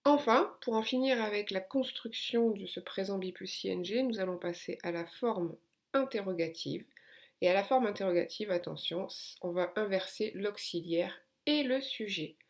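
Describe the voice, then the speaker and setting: A woman teaching an English grammar lesson, explaining patiently and stressing key words. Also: medium pitch.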